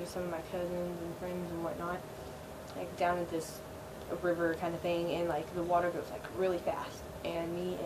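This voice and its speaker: Recorded on a built-in webcam mic, the audio is quiet and low in volume, with a loud hiss. Indoors in her small bedroom, a teenage girl vlogs a casual Q&A, answering in a relaxed, filler-heavy manner and often letting her sentences trail off.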